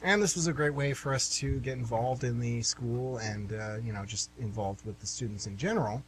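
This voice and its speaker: A man hosts an amateur radio theatre show, speaking at a moderate pace in a medium-pitched voice, chatty and informal as he introduces and narrates. The low-quality recording carries a faint background hum.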